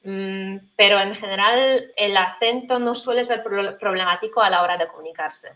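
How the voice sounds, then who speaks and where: A woman's voice: mid-range voice, moderate pace, bright, forceful tone. A woman who works as a language teacher, answering interview questions thoughtfully with frequent hesitations and fillers. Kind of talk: conversational interview.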